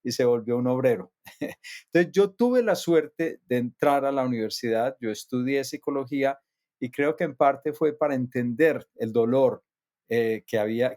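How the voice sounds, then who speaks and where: With a mid-range, dark voice and a Colombian accent from the Medellín area, this guest, a psychotherapist and actor, tells his life story. He is reflective and thoughtful, often hesitating and starting his sentences again.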